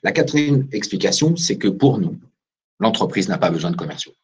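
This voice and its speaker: Husky, lively French man presenting a webinar. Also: lowish voice, moderate pace. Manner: animated, addresses listeners directly with questions. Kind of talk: lively business webinar talk.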